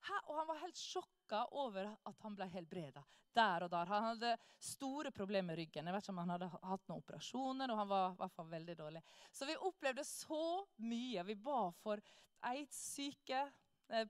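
A woman telling a lively personal testimony. She acts out the people she quotes and laughs often. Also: fairly high pitch, clean tone, no room sound, clean studio sound. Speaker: speaker sharing a testimony.

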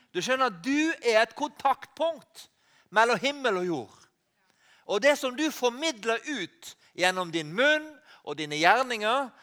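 A man with a Norwegian accent preaching a sermon, animated, rising to loud cries and often correcting himself mid-phrase. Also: sits high.

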